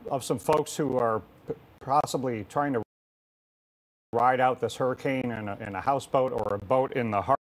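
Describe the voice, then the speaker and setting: Guy hosting live hurricane news, average pitch, kinda stop and start when he talks. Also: poor audio. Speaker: weather broadcast host. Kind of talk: live storm coverage interview.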